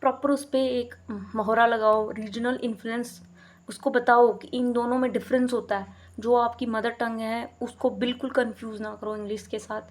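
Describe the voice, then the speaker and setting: A woman's voice: on the high side, flat delivery, moderate pace. A young woman teacher giving an explanatory lecture, code-switching between Hindi and English and often checking in with the listener. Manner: explanatory, mixes Hindi with English phrases, frequent check-ins.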